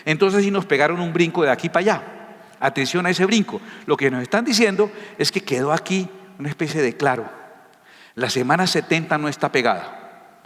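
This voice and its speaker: A man's voice: a little high, expressive, fairly quick, a bit bright. A man preaching a sermon as a pastor, emphatic and firing rhetorical questions at his listeners. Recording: reverberant hall.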